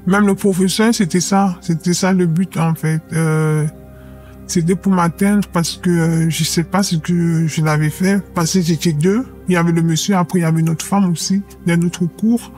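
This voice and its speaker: Even-toned young woman. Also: fairly low pitch. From Cameroon. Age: young adult. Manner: measured and reflective, with hesitant fillers. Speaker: anonymous witness. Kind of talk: personal testimony.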